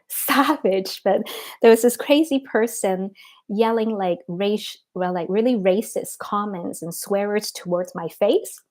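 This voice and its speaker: A woman in her thirties talks casually to her viewers at an ordinary middle pitch. She reads out comments and answers them in a loose, friendly flow, full of "like" and "um" and small laughs. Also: darkish tone. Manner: chatty, frequent "like" and "um" fillers, laughs between thoughts. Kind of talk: casual livestream chat.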